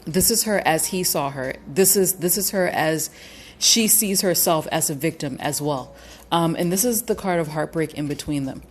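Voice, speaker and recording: Halting, low-voiced woman reading tarot. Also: noisy background. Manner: halting, with many fillers and repeated restarts; cautious, hedging with repeated qualifiers. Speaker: tarot reader. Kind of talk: casual tarot reading to viewers.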